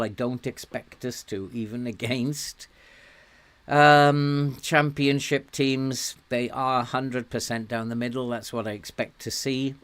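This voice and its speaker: Sore-throated and losing his voice, a man streams a management game live, saying hi to viewers and thinking aloud with many ums and soft chuckles. His voice is smooth and medium in pitch.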